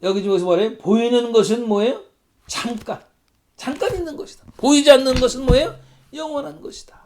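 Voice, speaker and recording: A man's voice: extremely high pitch, brisk, a little mellow. A male pastor leading a Bible study, reading scripture aloud and putting questions to the congregation.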